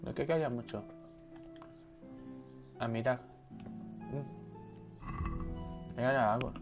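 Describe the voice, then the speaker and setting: A man commenting casually on his game at home at night, muttering quietly to himself. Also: medium pitch, very slow, over music. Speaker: gameplay video creator.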